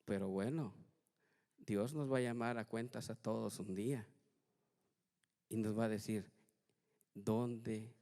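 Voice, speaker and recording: A male pastor giving a sermon in Latin American Spanish, swinging from hushed to loud and acting out quoted voices. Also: on the low side, a little slow, long pauses, big-room sound. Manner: acts out his own and God's words in quoted speech. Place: church.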